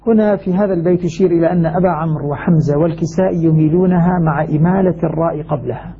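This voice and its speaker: A man explains the rules of Quranic recitation, moving quickly through his points and circling back to repeat key words. His voice is husky and set a little high. It comes through a tinny, phone-like line. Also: steady tone. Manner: measured, hesitant fillers, repeats key words. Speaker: sheikh teaching Quranic recitation. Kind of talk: scholarly explanation.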